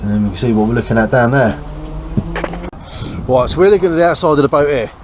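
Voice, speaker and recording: Lively intonation and a quick delivery mark this English vlogger's mid-range voice as he restores a small boat, explaining the job in a casual, blokey way. He's on and around the boat, and location background noise can be heard.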